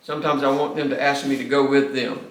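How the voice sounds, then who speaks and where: A man's voice: medium pitch, flat delivery, fairly quick, far from the mic. Emphatic older man lecturing. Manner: emphatic, repeats words when restarting. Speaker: pastor and seminary lecturer. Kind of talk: classroom lecture with anecdotes. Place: classroom. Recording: echoey classroom.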